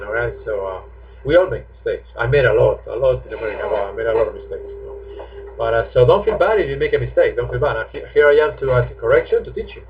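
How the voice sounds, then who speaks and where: A man's voice: mid-range voice, slight background noise. A man, a chatty, joking English teacher answering students' questions in a live online class. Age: 50s. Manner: chatty and jokey. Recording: tinny phone-like stream audio.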